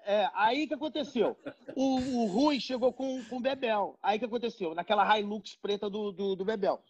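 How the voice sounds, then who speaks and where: Animated Rio storyteller man, husky voice. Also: sits high, moderate pace. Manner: animated, acts out voices in quotes. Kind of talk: casual storytelling among friends. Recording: dull lo-fi sound.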